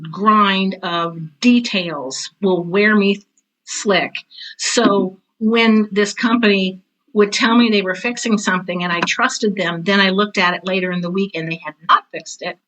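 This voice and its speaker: A middle-aged or older woman, a theater teacher and author, tells personal stories as an interview guest in a casual way. Her mid-range voice sounds pushed and bright, and she is candid and emphatic, repeating phrases for stress. The recording is rough.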